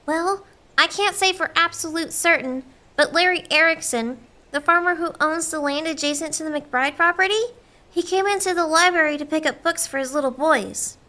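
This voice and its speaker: A woman's voice: extremely high pitch, normal speed, pushed and bright. An actress playing a friendly, earnest, chatty small-town woman in a family drama. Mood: flustered, rambling. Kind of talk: acted family film dialogue.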